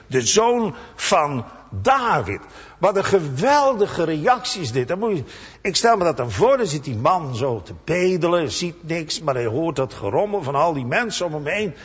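Guy preaching in church, takes his time, husky voice, big echo, kinda muffled recording. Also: fairly high pitch. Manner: slow, emphatic preaching with dramatic voiced quotes. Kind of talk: sermon. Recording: dull sound with long church reverb.

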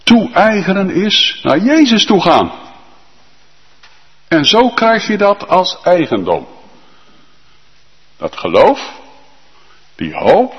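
A male pastor preaching a sermon with fervent emphasis and drawn-out, emphatic lists. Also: high voice, long reverb tail, muffled recording.

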